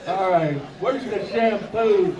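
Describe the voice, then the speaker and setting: A man's voice: high voice, slow pace. A man voicing a bald, boisterous old football-fan puppet in a live comedy act, with folksy, silly wisecracks. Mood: rowdy, playful. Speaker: puppet stand-up entertainer. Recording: echoey noisy crowd hall, distant microphone.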